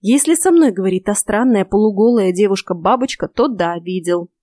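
A woman voicing a skeptical, stubborn young man in an audiobook, grumbling and flatly dismissive. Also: medium pitch, fairly quick, no room sound, clean studio sound, natural voice. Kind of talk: audiobook character voice.

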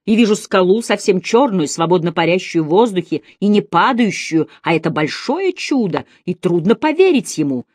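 A woman's voice: on the low side, sing-song, moderate pace, hardly any pauses, a little mellow, husky, no room sound, clean studio sound. A woman reading a frantic older male goldsmith who cries out in dread at his visions. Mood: awed.

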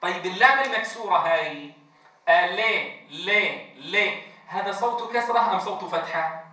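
A man's voice: high voice, expressive, brisk, bright, forceful tone. A man training Quran teachers in a lecture. He stretches out letter sounds to demonstrate them and keeps checking in with his class. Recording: very echoey room, distant mic.

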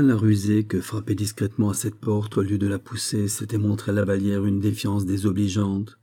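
Male audiobook narrator, measured reading, very dark tone, husky. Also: on the low side. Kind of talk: scripted narration.

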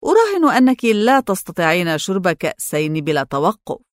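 A woman's voice: fairly low pitch, big pitch swings, fairly quick, dry recording, clean studio sound. A woman reading an audiobook, voicing a young woman turned cold and cruel, speaking with cutting scorn. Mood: taunting.

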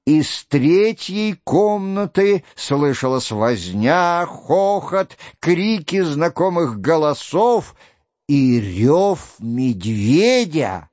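A man reading a classic novel aloud in slow, measured literary narration. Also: sing-song, dry recording, highs cut off. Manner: slow, measured reading, voicing quoted shouts louder and higher. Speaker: audiobook reader.

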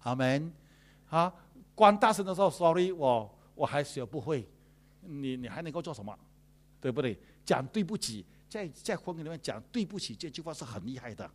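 Animated pastor preaching. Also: male voice, on the high side, moderate pace. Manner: lively, joking and preaching to a congregation. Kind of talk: sermon.

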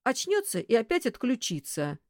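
Woman doing a gruff guy scolding people, dry close sound. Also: fairly high pitch, wildly swooping pitch, normal speed, a little mellow, no echo, pitched above the performer's own voice. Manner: gruff, reproachful. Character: bass-voiced man in a crowd.

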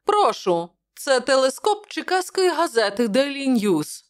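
A woman voicing a tall, suspicious male gatekeeper who talks in a rough, excited way. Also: high voice, measured pace, voice pushed up. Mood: gruff chatter.

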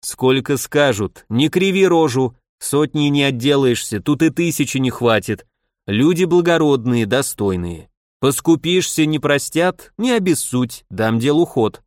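A man's voice: medium pitch, expressive, unhurried, no echo, studio quality, lightly acted. A man voicing a stern, imperious police chief who scolds and commands, in an audiobook reading. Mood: scolding.

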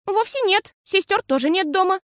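A woman voicing a mischievous little girl who fibs and teases, speaking in a high, lively voice. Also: no room sound, clean studio sound. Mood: cheeky. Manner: bright, fast, teasing chatter.

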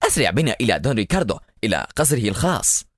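A man voicing a panicked villain who shouts shrill, frantic orders at his driver in a storybook reading. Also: big pitch swings, very fast, dry recording, clean studio sound.

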